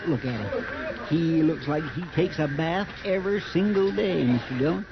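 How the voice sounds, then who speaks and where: High-pitched folksy sidekick Chester. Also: male voice, moderate pace, vocal fry. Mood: grumbling. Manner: folksy, indignant, stubborn. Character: loyal, fretful, folksy deputy sidekick of the marshal. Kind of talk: 1950s radio western acting. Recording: dull, noisy 1950s radio recording.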